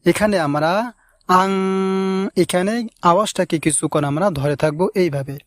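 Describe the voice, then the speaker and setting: A man teaching recitation, stretching each word slowly and repeating it, with quicker explanations between. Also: fairly high pitch. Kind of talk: recitation lesson.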